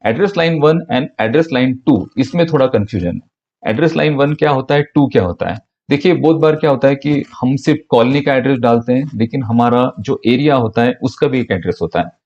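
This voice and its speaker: A man's voice: medium pitch, brisk, a little mellow, muffled recording. A man patiently explaining a payment procedure step by step in a short instructional audio. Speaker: online business mentor.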